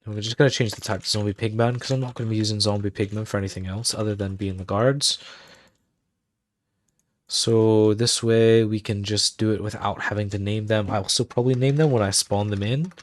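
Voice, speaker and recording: He has a voice on the low side with fairly even intonation and a fairly quick delivery. Livestreaming a game build in a put-on Irish accent, this streamer talks casually, thinking aloud and muttering the commands he types.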